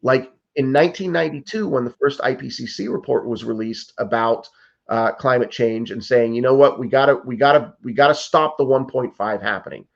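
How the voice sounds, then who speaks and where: Gravelly and medium in pitch, this man's voice moves fairly quickly as he answers interview questions. He is an American political candidate in his fifties, earnest and urgent, restarting often and saying "like" and "you know" a lot. The audio is dull.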